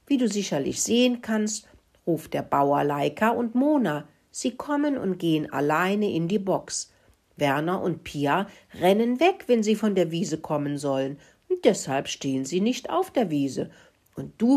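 A woman's voice: fairly low pitch, a little mellow, full character voice. A woman voicing a bossy little female mouse who lectures in a storybook reading. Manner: lecturing, explaining.

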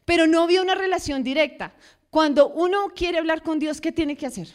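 High-voiced woman preaching a sermon. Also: brisk. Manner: animated, asks the congregation questions and acts out quotes. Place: church.

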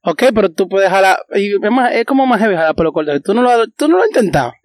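Guy rattling off podcast plugs quick, high voice. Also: sing-song, no room sound. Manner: rapid, joking, repeats words. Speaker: podcast co-host. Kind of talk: casual chat.

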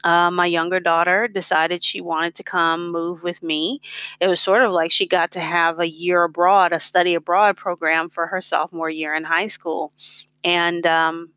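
Speaking at a normal speed with a flat delivery, a middle-aged American woman who blogs about expat life and personal finance reflects on her own story in a relaxed, conversational way. Her fairly low voice has a fairly bright tone, and there's no echo.

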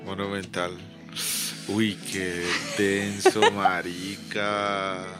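A man's voice: deep voice, little pitch movement, very slow, over loud music. A Colombian man interviewing, chiming in with short slangy reactions in a casual chat.

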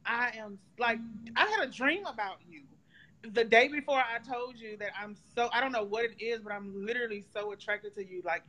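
A woman joining a live call as a guest, talking excitedly and gushing, repeating herself. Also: a little high, fairly quick, low-quality recording. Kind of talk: casual chat.

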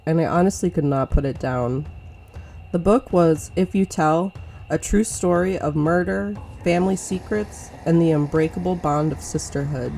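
A woman narrating as a true crime podcast host, reading a scripted introduction in a measured, serious storytelling manner. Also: deep voice, gravelly, mellow, a little hiss or hum, poor audio.

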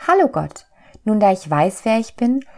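A woman's voice: medium pitch, big pitch swings, moderate pace, mellow, pitched above the performer's own voice. A woman voicing a small, curious and cheeky childlike soul in a storybook reading. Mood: eager. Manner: eager, pleading, wondering.

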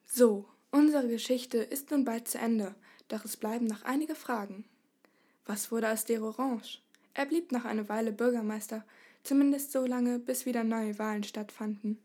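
A woman's voice: on the high side, normal speed, dark tone. Woman reading a fairy tale aloud. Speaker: narrator. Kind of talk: storybook reading.

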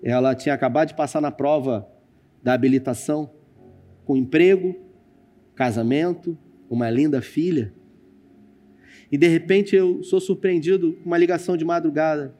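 A Brazilian Portuguese-accented pastor preaches a sermon from a church stage with a screen, weaving in a personal story and addressing the congregation directly with dramatic turns. His voice is fairly high and dark-toned, moving at a normal speed with long pauses.

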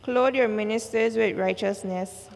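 Slow gravelly woman in cathedral echo. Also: on the high side. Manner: slow, measured recitation. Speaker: worship leader. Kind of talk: reciting church liturgy. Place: large church. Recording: long church reverb, faint noise.

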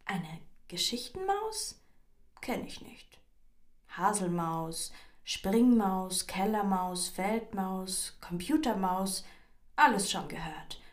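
A woman's voice: mid-range voice, very animated. A woman doing a smug hungry cat. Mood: mocking. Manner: mocking, drawn-out, scornful. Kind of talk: storybook reading.

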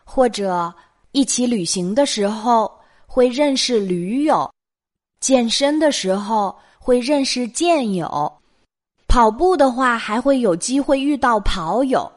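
A woman's voice: on the high side, lively intonation, slow. A middle-aged woman with a Mainland Chinese Mandarin accent tells childhood memories as bedtime stories in a conversational way. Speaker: storytelling host of a bedtime show.

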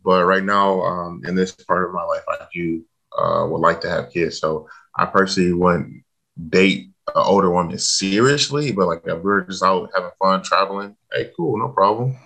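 A man with a very deep voice and a bright, forward tone chats on a podcast. He hesitates often, fills gaps with "um" and "like", and apologizes as he goes. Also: moderate pace, creaky. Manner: hesitant with many fillers and apologies. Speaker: podcast co-host. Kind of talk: casual chat.

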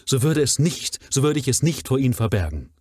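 A man's voice: mid-range voice, big pitch swings, fairly quick, darkish tone, breathy edge, no room sound, clean studio sound, voice pushed up. A man reading aloud, voicing a nervous male butler who stammers and pleads deferentially with his master. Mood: pleading.

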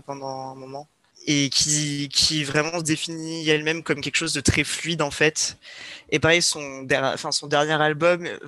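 A man with a bright, fairly high voice presents a podcast music segment in relaxed chat. He hesitates often, filling pauses and restarting sentences. The sound is dry and close. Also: dry recording. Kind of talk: casual chat.

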